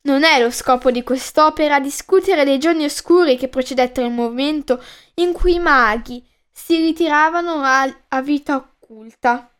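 A woman's voice: high-pitched, normal speed, a bit bright. A woman hosting a podcast, reading a book aloud with playful asides.

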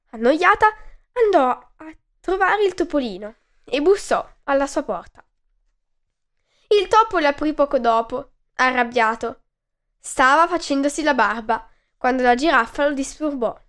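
Slow, high-voiced woman storyteller. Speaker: storyteller and podcast host. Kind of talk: children's story reading.

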